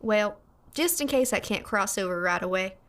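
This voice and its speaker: A woman's voice: mid-range voice, lively intonation, normal speed, fairly bright tone, natural voice. An actress playing a chatty, sweet young woman ghost in an audio drama. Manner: bubbly, folksy, chatty.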